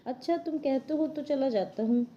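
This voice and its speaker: A woman's voice: high-pitched, moderate pace, warm tone, muffled recording, slight background noise, voice pushed up, lightly acted. A woman reading as a clever, helpful turtle. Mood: friendly.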